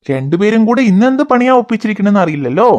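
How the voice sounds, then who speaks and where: Cartoon dad, lively and reassuring, mock-scolding, voiced by a woman, dull lo-fi sound. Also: mid-range voice, rapid-fire, close to an everyday voice. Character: cartoon father, gentle and scolding. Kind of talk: cartoon voice acting.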